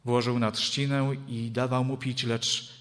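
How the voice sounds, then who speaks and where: A man reading Scripture and preaching in a solemn, measured way, with dramatic rises in his voice. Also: medium pitch, level tone, a bit bright. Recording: long hall reverb.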